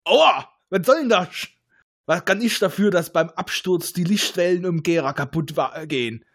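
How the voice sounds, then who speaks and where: A man's voice: high-pitched, expressive, moderate pace, a bit bright, breathy edge, heavily acted. Man doing a whiny little alien technician. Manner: whiny, complaining. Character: small male alien, whiny, fussy technician.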